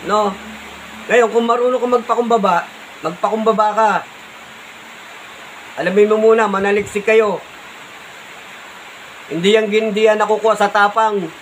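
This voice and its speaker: Man, Filipino accent, high voice, insistent, repetitive vlogger, noisy waterfall behind. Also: normal speed, pauses often. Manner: repeats himself, calm but insistent, with frequent "diba?" and "no?" tags. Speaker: vlogger answering a critic. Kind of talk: spoken reply vlog.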